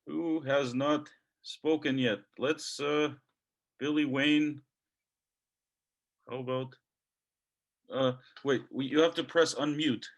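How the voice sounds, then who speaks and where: A man's voice: mid-range voice, fairly even intonation, slow, long pauses. Man hosting a call. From Ukraine. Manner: friendly, laughs easily, guides turns. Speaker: host of the video meeting. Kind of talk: casual chat. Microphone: video call.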